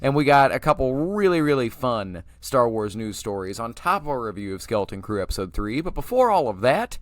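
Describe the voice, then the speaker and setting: A man's voice: medium pitch, sing-song, fairly quick, no room sound. A young man hosting a casual podcast chat in an upbeat, gushing fan manner. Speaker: podcast host.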